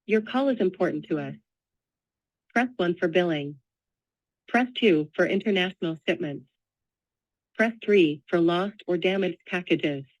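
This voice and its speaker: Automated phone-menu recording, measured delivery, dull lo-fi sound, dry. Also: mid-range voice, no room sound. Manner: even, measured automated announcements.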